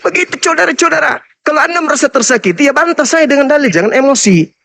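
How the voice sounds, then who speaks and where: Male debater, high voice, combative and lecturing, dry close mic. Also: fast, creaky, dry recording. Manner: forceful, taunting, lecturing. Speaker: Islamic apologist debater. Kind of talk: heated public religious debate.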